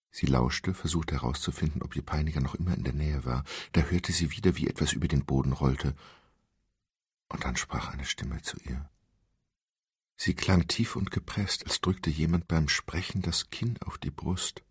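Brief: male thriller narrator, deep and gravelly, tense dramatic reading with hushed passages. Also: normal speed, no echo, studio quality. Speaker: audiobook narrator.

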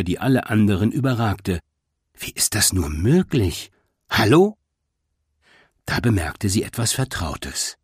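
A man narrating a children's story in an expressive, scripted reading. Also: fairly low pitch, breathy edge, no room sound, studio quality. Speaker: audiobook narrator.

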